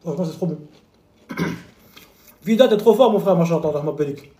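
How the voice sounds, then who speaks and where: A man's voice: fairly high pitch, animated, fast talker, warm tone, reverberant, a little hiss or hum. A man chatting casually on a live stream while eating, teasing his viewers with playful mini lessons and quizzes. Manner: chatty, teasing, mock-lessons, talks with mouth full. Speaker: fitness coach streaming live.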